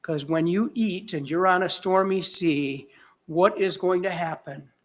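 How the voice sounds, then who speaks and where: A man's voice: high-pitched, measured pace. A man preaching a sermon as pastor, in a conversational way with chuckles and self-corrections.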